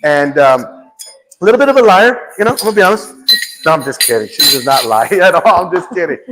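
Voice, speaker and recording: A man's voice: expressive, fast talker, fairly bright tone, slight background noise, rough recording. A man in his fifties hosting a live lifestyle show, teasing his co-host in joking, playful chat. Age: 50s. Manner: teasing, playful, jumps high in pitch when joking. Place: indoor studio set with a painting behind.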